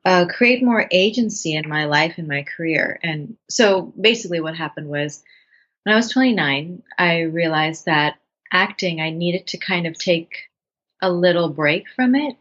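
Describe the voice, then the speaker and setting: A Bangladeshi woman in her thirties, a writer and actress appearing as an interview guest, reflects thoughtfully and earnestly, restarting her sentences often. Her voice is lowish, animated and fairly bright, at a moderate pace, and the recording sounds dull and lo-fi.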